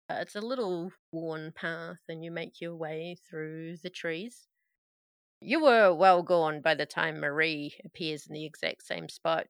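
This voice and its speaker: A woman runs a tabletop game, sliding between narration and casual banter. She is wry and sarcastic, with a bright, forceful voice pitched a little low and recorded very dry. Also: no echo. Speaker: game master.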